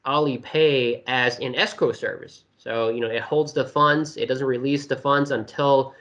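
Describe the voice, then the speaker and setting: Male guest from China, mid-pitched, halting and loose delivery, easygoing explainer. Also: steady tone, fairly bright tone. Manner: hesitant, many fillers and restarts. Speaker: interview guest. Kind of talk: casual explanatory interview talk.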